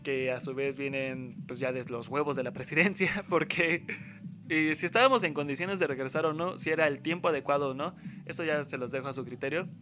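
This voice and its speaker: A slightly fast, higher-pitched male voice belongs to a young adult student with a Mexican accent. He talks casually and rambles, leaning on slang. Along the way, he performs the lines other people said.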